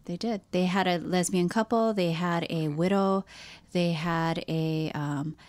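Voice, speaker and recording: A woman's voice: lowish voice, fairly even intonation, a little slow, darkish tone, no echo. A woman co-hosting a podcast, chatting casually, laughing often and trailing off mid-sentence. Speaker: podcast co-host. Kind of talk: casual chat.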